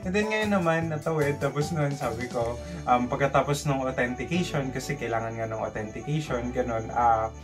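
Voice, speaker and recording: A young man with a Filipino accent telling a story casually in a vlog, in an animated way, acting out bits of dialogue. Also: medium pitch, moderate pace, over music. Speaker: vlogger recounting call center training. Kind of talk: casual storytelling vlog, mixing Tagalog and English.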